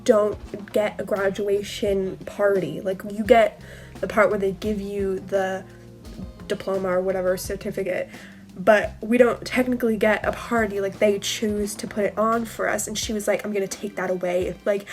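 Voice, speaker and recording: Chatty young woman telling a story. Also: a little high. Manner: chatty, many fillers, laughs while telling. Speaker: vlogger. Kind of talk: casual storytime.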